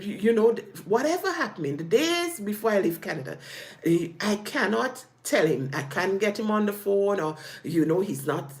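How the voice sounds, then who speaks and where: A woman sharing a personal testimony in an earnest, faith-filled way, retelling events dramatically. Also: medium pitch. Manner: animated, dramatic retelling with acted quotes.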